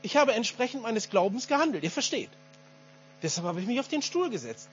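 A man's voice: very high voice, big pitch swings, a little fast, highs cut off, a little hiss or hum. A male pastor preaching a sermon to his congregation, emphatic and given to repeating key phrases.

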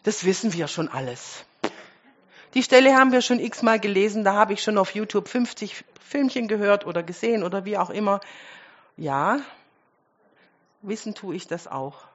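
A woman preaching to a congregation, her voice slightly husky and breathy. She moves between forceful emphasis and soft asides and poses rhetorical questions to her listeners. The recording is muffled and dull, with the highs rolled off. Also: moderate pace. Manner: expressive, swings between loud emphasis and quiet asides. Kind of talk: sermon.

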